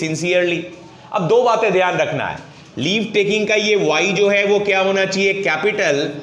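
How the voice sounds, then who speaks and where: Bright, high-voiced male teacher in an echoey room. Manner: explains step by step, asks and answers his own questions; drawn-out dictation of example phrases. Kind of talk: whiteboard grammar lesson.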